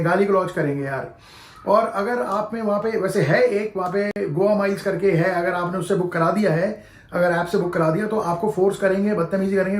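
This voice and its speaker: A man, talking casually to his viewers as a travel vlogger, often calling them "yaar" and "bhai" and slipping into English phrases. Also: high voice. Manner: chatty, peppers speech with "yaar" and "bhai", mixes in English phrases. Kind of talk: casual explanatory vlog. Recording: echoey room.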